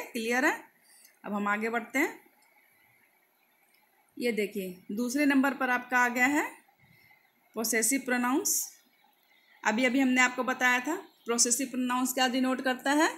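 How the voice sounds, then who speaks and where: A woman with a fairly high voice teaches English grammar from slides. She is patient, keeps checking in with her students and repeats key words. She reads each example sentence out slowly, one word at a time. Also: a bit bright. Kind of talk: slide-based online lesson in Hindi with English examples.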